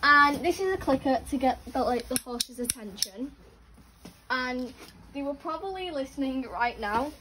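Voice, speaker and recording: A bubbly young woman with a high voice shows her side of the tack room. She talks quickly, peppering her lines with "like." Faint noise sits under the phone recording. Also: animated. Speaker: co-vlogger showing her half of the barn. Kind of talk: casual barn tour. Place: outdoor horse barn and stables. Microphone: phone camera held nearby.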